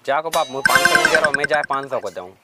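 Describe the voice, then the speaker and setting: A man's voice: mid-range voice, racing, over loud music, lightly acted. A man playing a woman, a scolding, sarcastic rustic mother in a village comedy skit. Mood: grumbling. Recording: clear background noise, clicks.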